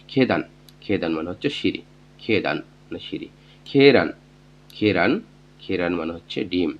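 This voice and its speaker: A man teaching vocabulary, saying each word and repeating it slowly before he explains it. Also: deep voice. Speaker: Korean language teacher. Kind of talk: vocabulary lesson. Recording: dull lo-fi audio with faint hum.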